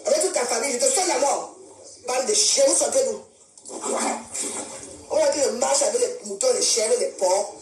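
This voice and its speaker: A woman's voice: high-pitched, normal speed, long pauses, recorded from a distance, a crowd in the background. A woman from Cameroon, ranting defiantly on a live stream and repeating her points. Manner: defiant, confrontational, repeats herself. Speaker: social media live streamer. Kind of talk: angry live-stream rant. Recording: echoey room, voice from off the mic, faint music.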